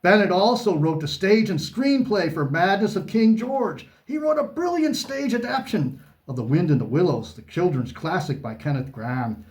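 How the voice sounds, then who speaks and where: A man's voice: high-pitched, animated, moderate pace, a little mellow. A man voicing a brash, boastful pro-wrestler persona who talks in showy wrestling trash talk while co-hosting a book chat. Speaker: co-host.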